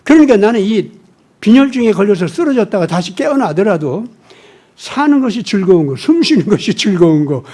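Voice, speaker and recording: A man's voice: high voice, big pitch swings, a little fast, mellow. A male pastor delivering a sermon in an emphatic, storytelling manner, often acting out dialogue. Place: church.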